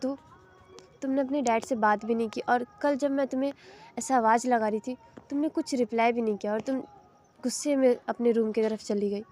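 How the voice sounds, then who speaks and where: A woman voicing a caring middle-aged mother who gently lectures her grown daughter in a soft, motherly way. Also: a little high, fairly even intonation, fairly quick, lightly acted. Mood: scolding.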